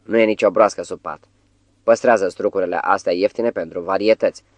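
Brief: audiobook, man as a lordly devil, deep and gravelly, commanding, dry close sound. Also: steady tone, dry recording. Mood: mock scolding. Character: imposing, mocking old devilish master.

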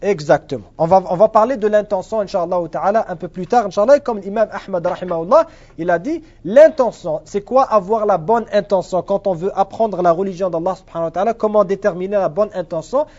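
A man's voice: high voice, fairly quick, hardly any pauses, a little mellow. A man teaching a religious class and answering questions, earnest and repetitive, sprinkling Arabic phrases into his French. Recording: dull lo-fi sound.

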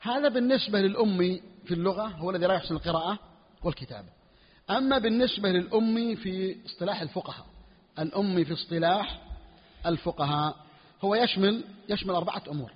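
A quick, high-pitched male sheikh with a husky voice teaches a jurisprudence lesson, repeating each point slowly and posing questions to himself. The lo-fi recording rings with long hall reverb. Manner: repeats key phrases slowly for emphasis, asks and answers himself. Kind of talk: classical Arabic fiqh lesson.

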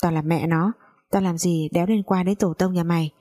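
Woman reading a bullying older mother, foul-mouthed, mellow husky low voice. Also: fairly even intonation, a little fast, lightly acted. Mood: scolding. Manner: coarse, cursing, scolding.

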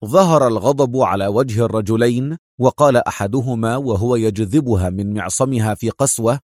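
A man's voice: medium pitch, moderate pace, a little mellow, no echo, clean studio sound. A man narrating an action thriller audiobook in a vivid storytelling manner.

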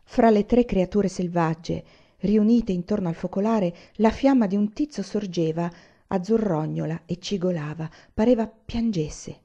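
A woman reading a literary novel aloud as an audiobook narrator, measured and expressive. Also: medium pitch. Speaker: audiobook reader. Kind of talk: scripted narration. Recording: dull lo-fi recording.

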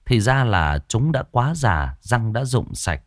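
A man's voice: mid-range voice, big pitch swings, takes it slowly, no echo, studio quality. A man narrating a horror story in a dramatic, suspenseful storytelling voice.

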